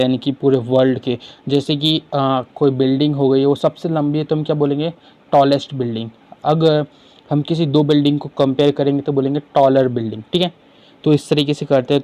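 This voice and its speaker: A man tutoring for an exam, who asks questions and answers them himself and reads English sentences slowly. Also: a little high, darkish tone. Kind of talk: explaining exam questions in Hindi with English terms.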